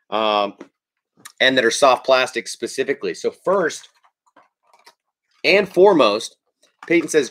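A man's voice: medium pitch, a bit bright. A man in his thirties hosting a casual fishing livestream from home, chatting easily and greeting viewers by name.

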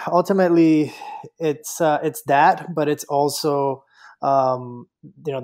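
Man hosting a relaxed podcast chat. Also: mid-range voice. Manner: loose, halting with restarts and fillers. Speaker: podcast host. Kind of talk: casual interview chat.

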